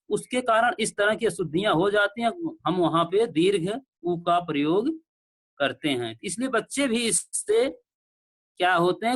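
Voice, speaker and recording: High-voiced male teacher explaining slowly. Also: fairly bright tone. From India. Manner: explains slowly with repeated examples; checks in with students. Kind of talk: online class lecture on pronunciation. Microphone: online call.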